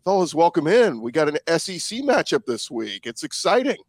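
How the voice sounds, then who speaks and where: A man's voice: on the high side, big pitch swings, a little fast, no echo. A man hosting a sports podcast in an upbeat, announcer-like way. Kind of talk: scripted show intro and sponsor read, then panel hosting.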